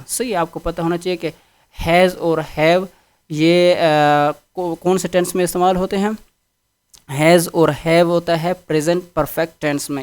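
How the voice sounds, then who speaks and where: A man teaching English, going through a text line by line and patiently repeating each meaning. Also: fairly high pitch.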